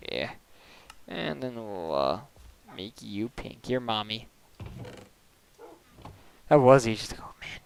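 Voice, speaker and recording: Chatting while he games, a young adult streamer wanders from thought to thought, stuffing his talk with "like" and brief laughs. His clean, smooth voice sits at an ordinary middle pitch, picked up by a home desk mic.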